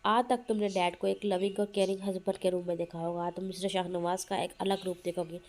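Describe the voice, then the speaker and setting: A scornful young man from an audio novel, read by a woman narrator. He lectures coldly and threateningly. The delivery stays mellow and flat. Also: lowish voice, fast, slight background noise, natural voice. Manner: contemptuous, lecturing.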